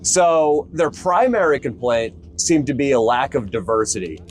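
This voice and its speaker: A male comedian chatting outdoors by the water while fishing, deadpan and sarcastic. His pitch moves a lot, animated under the dry jokes. A faint hiss of outdoor ambience sits behind him. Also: moderate pace. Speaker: stand-up comedian. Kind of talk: casual chat.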